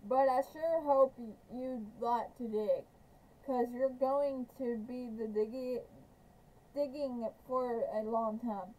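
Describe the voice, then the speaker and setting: A woman reading aloud as a weary, defiant woman outlaw alone in a desert cabin, in a flat, stubborn, slightly halting way. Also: fairly high pitch, rough recording. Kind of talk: amateur audiobook reading.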